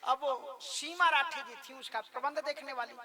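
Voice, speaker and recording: Very high-voiced, bright male preacher. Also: moderate pace. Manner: animated storytelling, acts out quoted voices, breaks into chanted verse. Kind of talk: storytelling religious discourse.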